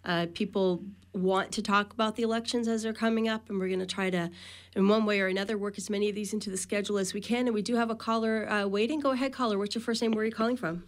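A woman's voice: medium pitch, steady tone. A woman hosting a radio call-in program, taking callers and moderating guests. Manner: brisk, fast-paced moderating.

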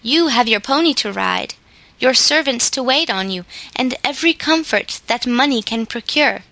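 A woman voicing a kindly grown man, a toymaker who speaks gently and thoughtfully in a storybook. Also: on the high side, lively intonation, moderate pace, creaky, dry recording, exaggerated voice. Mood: gentle.

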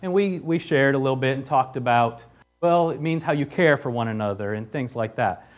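Brisk and medium-pitched, a pastor preaches a sermon, reading scripture aloud. He drives home his points with emphasis that climbs to loudness on key phrases, interspersed with casual asides.

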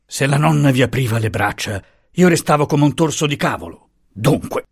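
A man voicing a placid, slow-witted old bachelor uncle with a deep, solemn, wheezy voice, speaking slowly and pausing to find words. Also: lively intonation, gravelly, breathy edge.

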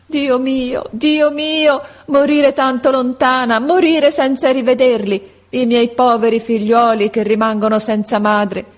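Lady doing a sick mom crying out in despair, high strained storybook voice. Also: steady tone, measured pace, few pauses. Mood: anguished. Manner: anguished, crying out. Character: desperate sick mother far from her children.

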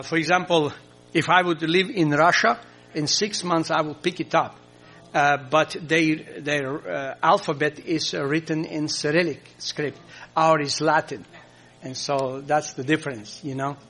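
This elderly pastor from Croatia fields questions from the audience in accented, second-language English, earnest but halting and filler-heavy. His pitch is fairly high, his tone steady and a touch bright.

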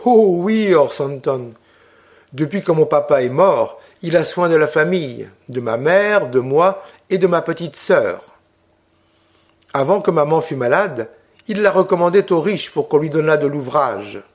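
A man voicing a young peasant girl in an audiobook reading, with an eager, breathless, high-pitched child voice. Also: animated, a little slow. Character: young peasant girl, timid but loyal.

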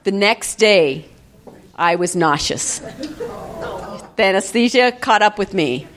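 A woman in her fifties telling a personal testimony in church, in an animated, chatty storytelling way with frequent laughter. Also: medium pitch, slow. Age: 50s. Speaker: church member giving a testimony.

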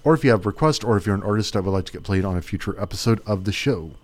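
A man's voice: fairly low pitch, rapid-fire. A man hosting a small radio music show, chatting casually and rambling as he thinks aloud. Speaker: radio host.

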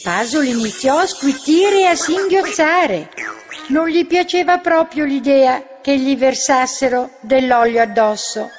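A woman narrating a children's storybook in a slow, expressive reading voice. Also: high-pitched. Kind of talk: children's story read-aloud. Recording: music bed under the voice.

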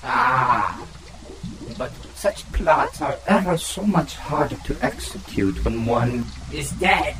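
A pompous schemer who gloats in old-fashioned phrasing, voiced by a man. He speaks slowly and swoops wildly in pitch. A crowd murmurs behind him. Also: lively intonation, poor audio. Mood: scheming. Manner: theatrical mock-archaic bombast. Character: pompous villainous male schemer Balthazar. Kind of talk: audio drama acting.

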